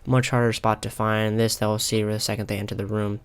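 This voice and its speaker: Over a replay of his own ranked match, a young man offers casual gameplay commentary in a calm, analytical way. His voice is on the low side with a clean tone, and his halting delivery is full of filler ums. He's using a console headset mic.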